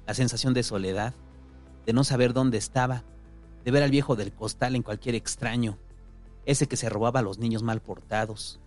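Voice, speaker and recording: A man narrating a story in a steady, measured reading voice. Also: medium pitch, soft background music. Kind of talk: audiobook narration.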